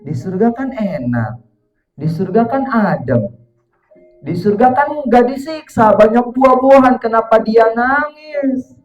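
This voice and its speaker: A man voicing a dutiful male angel who guards heaven's gate, brisk, soldierly and curious. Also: very high-pitched, lively intonation, voice pushed up, heavily acted. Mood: eager. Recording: echoey room, faint music.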